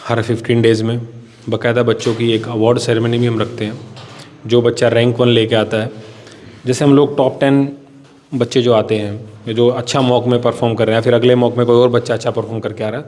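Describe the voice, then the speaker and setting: An impassioned man speaks in a mid-pitched voice. He answers interview questions earnestly, pleading his case and calling the interviewer sir again and again. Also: steady tone, fairly quick, a little mellow, slight background noise. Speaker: coaching academy director.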